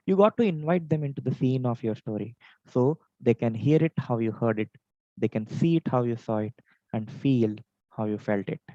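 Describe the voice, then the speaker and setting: This man's medium-pitched voice is expressive and dark-toned at a moderate pace, and the dull audio has no room sound. He is a speech contest trainer with an Indian English accent, teaching public speaking in an online meeting from home, his throat dry from illness. His online educational talk is instructive and list-like, with the pace varying for examples.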